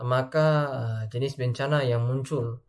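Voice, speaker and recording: A man's voice: mid-range voice, fairly even intonation, a little slow. A young man from Indonesia giving a student class presentation, hesitating often and reading through lists of codes. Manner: hesitant, many filler sounds, reads lists of codes.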